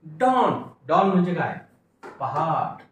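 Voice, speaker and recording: A man teaches English phonics, sounding out words and repeating them. His voice is fairly high and rings in a strongly echoing room, picked up from some distance off a far mic. He asks questions and answers them himself. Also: sing-song, slow pace, slight background noise. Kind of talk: phonics lesson with call-and-repeat drills.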